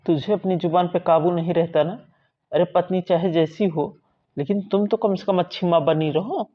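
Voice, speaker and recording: A man's voice: sits high, steady tone, normal speed, highs cut off. A man voicing a stern older father who scolds his wife in a cartoon moral story. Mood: scolding. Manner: scolding, reproachful.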